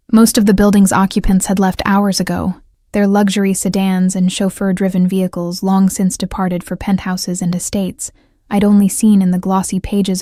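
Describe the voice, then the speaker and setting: Even-toned woman reading a romance. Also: medium pitch, no echo, clean studio sound. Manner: measured, steady storytelling. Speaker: audiobook narrator. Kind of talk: first-person romance narration.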